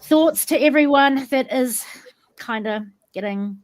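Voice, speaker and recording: Slow-talking New Zealand woman, higher-pitched. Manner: chatty, informal, greets in Maori. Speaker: podcast host. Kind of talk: casual podcast discussion.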